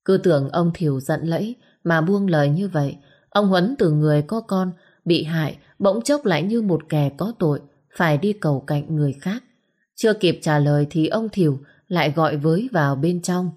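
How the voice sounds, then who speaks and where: A woman's voice: low voice, moderate pace, a little mellow. A woman storyteller reading a story aloud in a dramatic, scripted narration.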